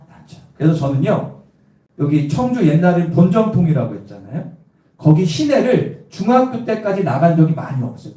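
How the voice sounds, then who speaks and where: A middle-aged pastor, preaching and telling humorous personal stories while quizzing his congregation. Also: high-pitched. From Cheongju, South Korea. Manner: lively, asks the congregation questions, tells personal stories with humor. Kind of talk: evangelistic sermon. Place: church sanctuary. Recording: echoey church sanctuary from a distance.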